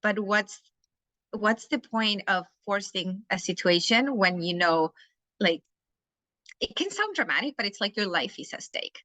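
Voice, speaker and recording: A Chilean life coach speaks English with a Chilean Spanish accent as a guest on a podcast, talking candidly, frankly, and outspokenly in a casual interview. Her medium-pitched voice has lively intonation and a measured pace, sounding pushed and bright with no echo.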